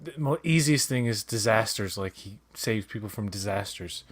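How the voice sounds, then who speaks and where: A man's voice: lowish voice, expressive, normal speed. A man from Canada chatting casually as a watch-along co-host, blunt and repeating words for emphasis. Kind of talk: casual chat and commentary.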